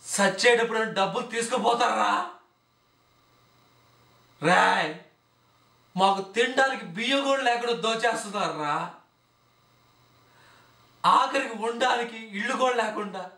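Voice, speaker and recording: A man's voice: sits high, animated, moderate pace, vocal fry, long pauses, pushed and bright, heavily acted. An actor playing a drunk poor man who rants at corrupt politicians, repeating his words for emphasis. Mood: ranting. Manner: ranting, repeating phrases for emphasis. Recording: echoey room, mic at a distance.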